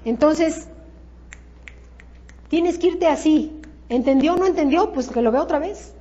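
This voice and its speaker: High-voiced Mexican woman drilling a seminar. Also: unhurried, warm tone, lo-fi sound. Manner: emphatic, repetitive, many rhetorical questions. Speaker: sales trainer. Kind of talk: motivational seminar talk.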